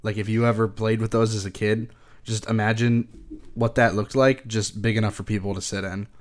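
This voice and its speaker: A man co-hosting a podcast, calmly explaining things in casual chat. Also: fairly low pitch, fairly quick. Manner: relaxed, explains with comparisons. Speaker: podcast co-host.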